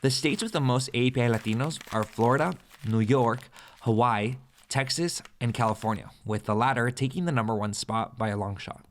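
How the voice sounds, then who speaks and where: A man hosting a news explainer, narrating a script in a clear, explanatory way. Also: mid-range voice, brisk, slight background noise. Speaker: host and video journalist.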